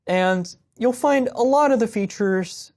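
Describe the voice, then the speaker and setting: In a fairly high-pitched voice and at a somewhat slow pace, a young woman responds to viewer questions on web design. She works through things step by step during a casual, relaxed screen-share lesson.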